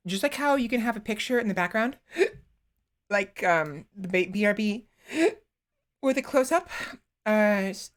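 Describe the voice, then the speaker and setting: This streamer's voice sits a little high as she talks casually into a desktop mic on a live stream. Her chat is rambling and halting, full of restarted sentences, and she keeps poking fun at herself in a self-deprecating way.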